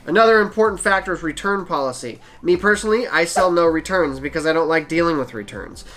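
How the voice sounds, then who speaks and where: A man's voice: a little high, fast talker, fairly bright tone. A man hosting his own channel, giving practical selling advice in a casual, plain-spoken way. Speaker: channel host, eBay seller. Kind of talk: casual how-to talk to camera.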